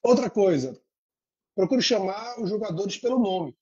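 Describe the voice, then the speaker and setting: A man's voice: high-pitched, animated, measured pace, a little mellow, husky, lo-fi sound. A man, a lawyer, giving practical advice in an interview and explaining step by step. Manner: didactic, explains in lists. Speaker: lawyer guest.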